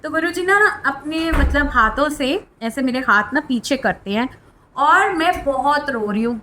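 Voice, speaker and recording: High-voiced woman telling a heartfelt devotional story. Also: a little hiss or hum. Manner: earnest, heartfelt storytelling with soft filler words. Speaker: devotee sharing spiritual experiences. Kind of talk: devotional testimony.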